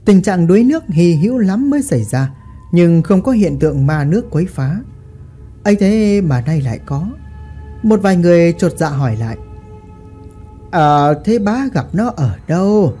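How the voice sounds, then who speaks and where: A woman narrating a ghost story in a dramatic, expressive way. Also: fairly low pitch, moderate pace, breathy edge, soft background music.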